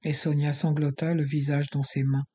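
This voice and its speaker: Male audiobook narrator, steady storyteller, dark and husky. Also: fairly high pitch, normal speed.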